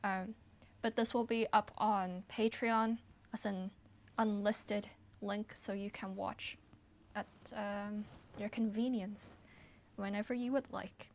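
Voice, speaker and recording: A woman pianist from Hong Kong chats through a casual livestream Q&A at home, her voice sitting at an ordinary middle pitch. She talks loosely, trailing off with ums and little laughs. A faint room hum sits behind her. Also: slow pace. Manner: chatty and relaxed, trailing off with frequent ums and soft laughs. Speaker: pianist hosting a patron livestream. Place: her apartment, at home with her piano.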